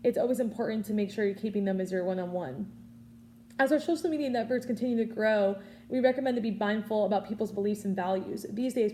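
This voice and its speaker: A student public speaker, a woman in her early twenties, gives an informal prepared speech full of earnest, conversational advice. Her mid-range voice has a warm tone, with slight background noise.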